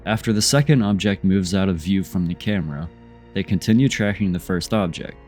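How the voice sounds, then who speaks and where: A channel host narrates UFO footage in voice-over, sounding congested and stuffy from a cold. His deep, darkish voice moves fairly quickly in a skeptical tone full of questions, over soft background music.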